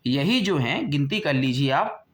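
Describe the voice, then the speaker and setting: A man's voice: a little high, big pitch swings, a little slow. A male teacher giving an exam-prep lesson, repeating key points and asking his students questions.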